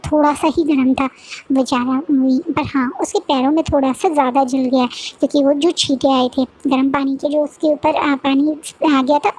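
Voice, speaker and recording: A woman retelling her own fanfiction story in a casual, chatty narration, often pausing with fillers and restarting phrases. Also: high voice, a little mellow.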